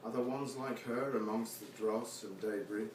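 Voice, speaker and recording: Reading his poems at a live venue with a seated audience, this man speaks at a normal speed in a lowish, slightly mellow voice with fairly even intonation. Between poems he offers informal, wryly self-deprecating remarks. The far-off recording picks up echo and room noise.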